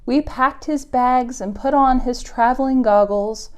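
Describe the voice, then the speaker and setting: A woman reads stories aloud and chats with preschoolers, speaking right to them in simple, encouraging phrases with exaggerated sing-song emphasis. Her high-pitched voice is clear and resonant. She is unhurried.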